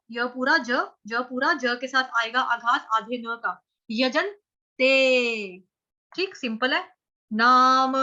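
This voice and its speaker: A woman's voice: high voice, sharp tone, dull audio. A woman teaching Sanskrit verse recitation, spelling words out letter by letter and then chanting the full verse. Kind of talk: slow syllable-by-syllable recitation lesson.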